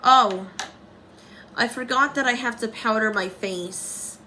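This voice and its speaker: A woman's voice: on the high side, slow, sharp tone, slight background noise, rough recording. A young woman talking through a casual makeup tutorial, rambling and commenting on herself, with dry sarcastic asides.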